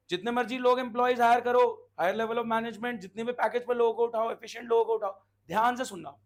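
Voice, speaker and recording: In this classroom lecture, a very high-pitched, slightly bright-voiced man teaches commerce. He explains briskly, quizzing the class and scolding the students along the way.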